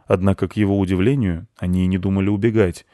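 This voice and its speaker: A man calmly narrating a scripted children's story. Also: sits low, quick pace, dry recording, clean studio sound. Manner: calm, even storytelling.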